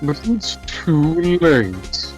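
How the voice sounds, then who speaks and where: A man's voice: a little high, big pitch swings, very slow, faint music behind, full character voice, rough recording. A man voicing a haughty rival prosecutor in a game read-along, with pompous, clipped disdain. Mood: disdainful. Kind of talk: video game read-along role-play.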